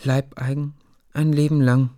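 A man's voice: medium pitch, little pitch movement, measured pace, warm tone, voice pushed up, close to an everyday voice. A man voicing a sorrowful peasant mother. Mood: resigned. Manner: pleading, small and grieving.

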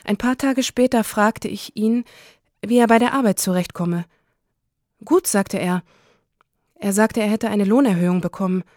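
A woman reading a first-person literary story in a calm, measured way. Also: mid-range voice, no room sound, clean studio sound. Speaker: audiobook narrator.

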